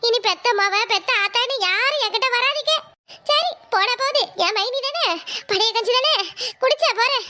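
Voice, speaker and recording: A woman's voice: very high voice, expressive, moderate pace, bright, forceful tone, a little hiss or hum, full character voice. A woman voicing a wronged, scheming young sister-in-law in a cartoon comedy, complaining and wailing.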